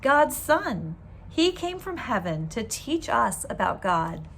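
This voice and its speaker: A woman voicing a gentle, kind young mother in a storybook, speaking softly and tenderly. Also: a little high, very animated, slow pace, slight background noise, heavily acted. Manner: soft, tender.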